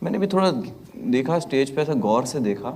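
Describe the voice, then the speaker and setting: A man's voice: medium pitch, big pitch swings, moderate pace. A man performing stand-up comedy on stage, telling a story and acting out his friends' lines in shifting voices. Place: comedy stage before a live audience. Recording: live show with loud audience laughter and noise.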